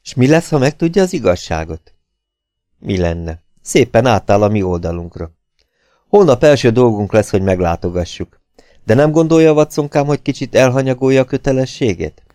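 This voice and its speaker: A man reading the part of a shrewd, commanding male detective in an audiobook, urgent and often hushed. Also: medium pitch, lively intonation, dry recording, clean studio sound, voice pushed up, lightly acted. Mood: explaining. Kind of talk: audiobook character voice.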